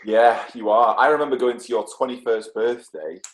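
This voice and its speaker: A man's voice: mid-range voice, moderate pace, poor audio. A man in his mid-thirties from the UK, hosting a casual podcast chat with lots of swearing and laughter. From United Kingdom. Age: 30s. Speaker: podcast host.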